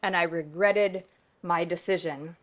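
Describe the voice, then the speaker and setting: A woman pastor telling a true story to a live audience, conversational and emphatic, often tagging "right?" and dropping to a hush for effect. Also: lowish voice, fairly even intonation, measured pace.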